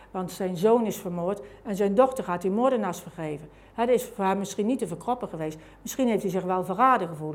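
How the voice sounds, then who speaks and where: A woman telling her personal faith testimony in a conversational way, full of fillers and tag questions. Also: mid-range voice. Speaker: speaker giving a testimony. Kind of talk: personal testimony told as a story.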